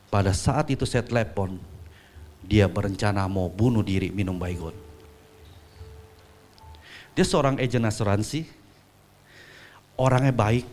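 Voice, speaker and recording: A man preaching a sermon, telling a story with acted-out voices and swinging from soft asides to loud peaks. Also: medium pitch. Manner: acts out quoted voices in dialogue.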